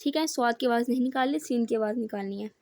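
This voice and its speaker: A woman with a Pakistani Urdu accent teaching Quran reading in a step-by-step lesson, patiently explaining rules and then reciting words slowly. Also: on the high side, a little mellow, no room sound.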